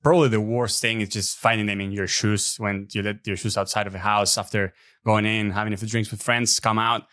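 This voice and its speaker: A man, a podcast guest telling stories in a relaxed, chatty way over a remote call. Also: fairly low pitch, fairly quick. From Argentina. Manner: relaxed, chatty storyteller with frequent fillers. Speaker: podcast guest, app developer. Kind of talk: casual interview chat. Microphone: remote video call.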